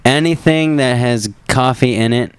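A man's voice: medium pitch, moderate pace, clean tone, no room sound. A man hosting a podcast in casual chat, joking and rambling, correcting himself, with a cough. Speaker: podcast host.

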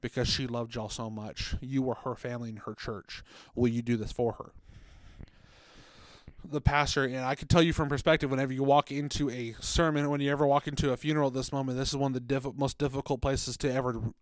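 On a faith podcast, a co-host who once worked in children's ministry retells a story, earnest and chatty, acting out the quotes. His medium-pitched voice is brisk with fairly even intonation, in a dry, close room with no echo.

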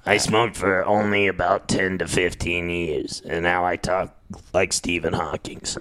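A man voicing an ex-smoker in a slow, flat robot voice, as in a mock anti-smoking testimonial. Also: sits low, slight background noise, voice pushed down. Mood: deadpan, robotic.

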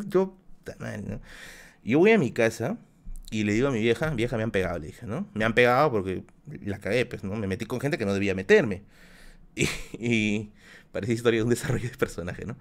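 A man with a Peruvian accent telling a story on a live stream in a casual, slangy, self-mocking way. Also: medium pitch. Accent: Peruvian Spanish. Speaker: livestreamer telling stories.

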